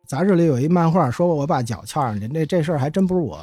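A middle-aged man with a Beijing accent tells stories in a relaxed, colloquial manner, repeating phrases as he goes. His pitch runs fairly high and swings freely. The recording is dry, with soft music. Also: quick pace, slightly rough, no room sound. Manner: easygoing, colloquial, repeats himself. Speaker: interview guest, former magazine editor. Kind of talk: casual storytelling.

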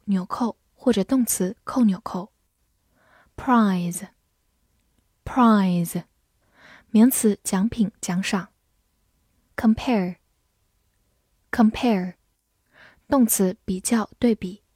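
A woman's voice: mid-range voice, extremely slow, long pauses, dark tone, husky, dry recording. A woman teacher drilling English vocabulary, saying each word twice and then explaining its meaning.

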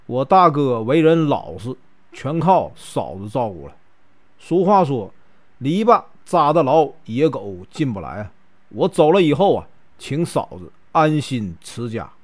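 A man's voice: mid-range voice, sing-song, a little slow. A man voicing a stern, righteous young fighter who warns and admonishes firmly. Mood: admonishing. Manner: firm, admonishing.

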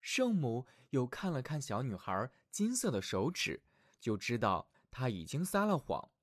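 Telling a scripted fairy tale to young children, a male storyteller speaks with warmth and expression. He keeps an unhurried pace at medium pitch, and the studio-quality recording has no echo.

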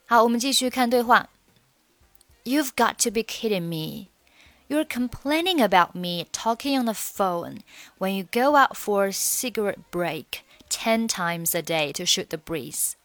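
Woman English tutor explaining in Mandarin, patient and slow on key words, dry close sound. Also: mid-range voice, expressive, fairly bright tone, no echo. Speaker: English teacher.

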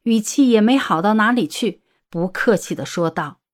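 A woman narrating an audiobook romance story in a steady storytelling manner. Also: mid-range voice, normal speed.

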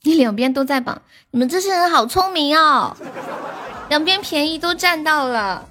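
A woman's voice: high-pitched, expressive, sharp tone. A woman hosting a casual livestream chat, giggly and chatty. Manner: giggly, chatty, often rushed. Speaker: livestream host.

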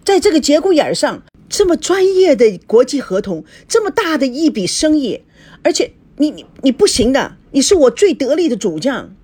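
A woman's voice: on the high side, very animated, measured pace, a little mellow, breathy edge, pitched above the performer's own voice, exaggerated voice. A woman voicing a flustered male company manager who talks in a placating, pleading way in a storybook reading.

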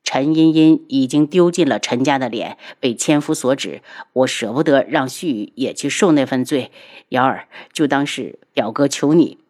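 A woman's voice: moderate pace, a little mellow. A woman voicing a heartbroken, pleading young nobleman. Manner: low, subdued and pleading.

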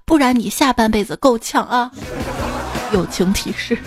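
Her voice is a little high, with lively intonation and normal speed, as this woman hosts a podcast. She reads out jokes and adds casual, playful commentary for her listeners over faint background music.

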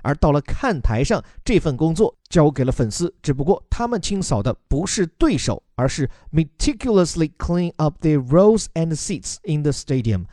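Man, young adult, lesson podcast, spells words out letter by letter, slightly high voice, dry sound. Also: very animated, moderate pace, few pauses, dark tone, no room sound. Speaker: English teacher explaining a news text. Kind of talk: podcast lesson mixing Chinese and English.

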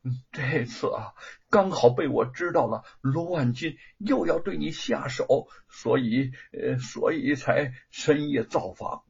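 A man's voice: mid-range voice, creaky, husky, full character voice. A man voicing a humble, reformed former thief who talks nervously and stumbles over fillers, in a storybook reading. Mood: eager, anxious. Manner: nervous, hurried, full of hesitant fillers. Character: humble reformed male ex-thief, grateful and anxious. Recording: dull lo-fi recording.

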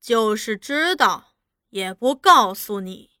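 A woman's voice: on the high side, animated, slow pace, bright, forceful tone, no echo, clean studio sound, full character voice. A woman voicing a proud widowed young woman who answers with cold contempt. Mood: contemptuous.

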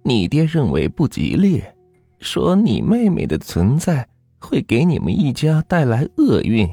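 A man putting on a slow, grave old grandmother. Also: mid-range voice, wildly swooping pitch, dark tone, slightly rough, no echo, faint music behind, pitched above the performer's own voice, exaggerated voice. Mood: sorrowful. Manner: slow, heavy, grave speech. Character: old village grandmother, stern and sorrowful.

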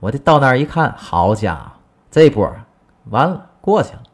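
A man voicing a boastful, loudmouthed middle-aged neighbor, talking in a brash, bragging way. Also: medium pitch, very animated, normal speed, husky, voice pushed up. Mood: excuse-making.

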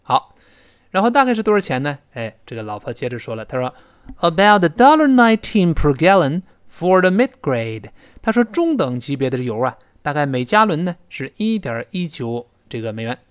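Lively male English pronunciation teacher. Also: medium pitch, smooth, no room sound. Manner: explains sounds slowly, drilling words aloud. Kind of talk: pronunciation lesson.

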